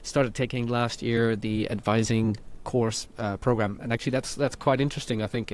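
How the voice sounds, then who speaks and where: A man hosting an informal podcast conversation, speaking thoughtfully and circling back with fillers and restarts. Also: on the low side. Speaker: podcast host.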